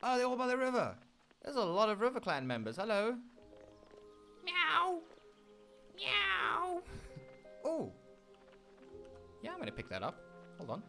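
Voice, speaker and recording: A man with a South African accent hosting casual gameplay commentary, excitable and talking straight to his viewers. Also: high voice, quick pace, faint music behind. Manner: excitable, keeps addressing viewers as "ladies and gentlemen"; meows and plays along as his kitten character. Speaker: gaming channel host.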